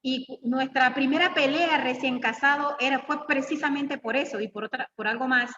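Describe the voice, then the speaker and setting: A middle-aged woman with a high voice gives a homey, teasing sermon, firing questions straight at the women in front of her. The sound is dull and lo-fi, with a long echo from a church hall. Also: moderate pace, slight background noise. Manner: lively, teasing, questions the audience directly. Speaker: guest speaker at church women's meeting. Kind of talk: informal preaching with personal stories.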